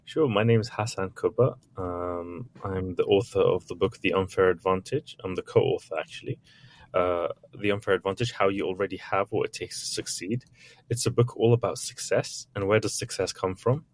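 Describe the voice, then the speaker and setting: Steady in tone and moderate in pace, his voice sits low as he talks through an interview. An Iraqi-born author and entrepreneur raised in England, he is candid and chatty, restarting often and acting out little quotes.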